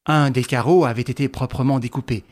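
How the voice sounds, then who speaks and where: A man reading a novel aloud as an audiobook narrator, with a dramatic, expressive delivery. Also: medium pitch, brisk. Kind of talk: scripted narration.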